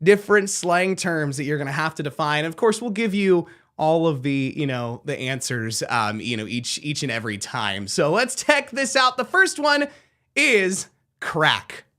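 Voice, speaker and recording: Radio guy running trivia, high bright voice that bounces all over, playful. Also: measured pace. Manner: animated, playful quizmaster. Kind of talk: casual radio banter.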